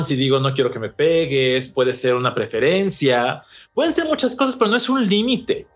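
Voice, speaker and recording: A man, a podcast guest explaining ideas in casual chat and acting out quoted dialogue. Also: a little high. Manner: animated, acts out quoted dialogue. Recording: slightly muffled sound.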